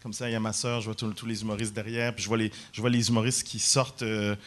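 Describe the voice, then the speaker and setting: A man from Quebec, a guest comedian telling animated stories and acting out quotes in high voices. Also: quick pace, a little hiss or hum. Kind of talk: casual storytelling.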